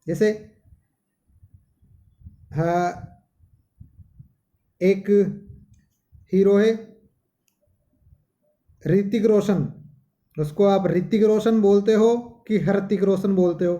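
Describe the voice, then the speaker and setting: A man's voice: high-pitched, steady tone, drawn-out words, long pauses, mellow, highs cut off. A man teaching a Sanskrit grammar lesson, talking to his students as children and patiently repeating each term.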